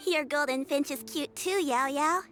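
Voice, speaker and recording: A woman voicing a small, excitable fairy companion girl in a video game, with a squeaky childlike voice and exclaiming manner. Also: moderate pace, soft background music. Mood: cheerful. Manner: speaks of self in third person, exclaiming.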